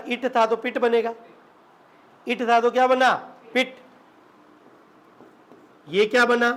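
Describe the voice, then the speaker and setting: A man's voice: extremely high pitch, fairly bright tone. A man teaching a classroom lesson on English spelling, asking the students questions and repeating them. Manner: slips into local Rajasthani dialect.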